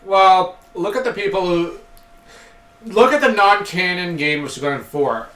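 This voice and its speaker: A man's voice: sits high, lively intonation, unhurried, bright, forceful tone, roomy sound. A man hosting a let's play, making sarcastic jokes and asides as he reads the game text. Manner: jokey, sarcastic, full of asides. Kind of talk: joking game commentary.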